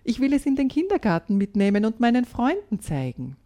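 A woman's voice: fairly high pitch, very animated, a little fast, warm tone. A woman reading a story aloud and voicing a shy but stubborn little girl. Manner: firm, then wheedling.

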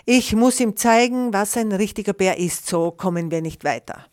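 A woman's voice: medium pitch, moderate pace, darkish tone, no room sound, clean studio sound, close to an everyday voice. Woman doing a grumbling big brown bear. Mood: indignant. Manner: grumbling, exasperated, boastful.

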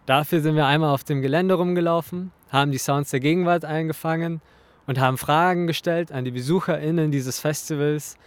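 A man hosting a festival radio show, presenting in a calm, even, scripted way. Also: on the high side, fairly quick, clear, resonant tone, no echo.

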